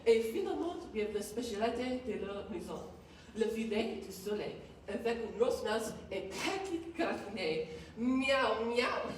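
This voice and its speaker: A woman's voice: on the high side, expressive, normal speed, a little hiss or hum, close to an everyday voice. Teen girl playing a coy mock-French waitress. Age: teens. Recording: echoey hall from far off.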